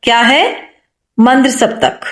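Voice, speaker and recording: Speaking slowly in a roomy space, a music teacher with a somewhat high voice walks through a lesson. She asks her own questions, supplies the answers, and repeats the important points as if teaching a class.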